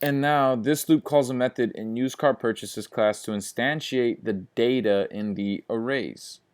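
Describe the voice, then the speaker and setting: A man's voice: medium pitch, clear, resonant tone. A man teaching a programming class, walking through code step by step in a casual, repetitive way, sleepy and yawning. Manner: casual, talks to viewers as guys, repeats steps slowly. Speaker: instructor.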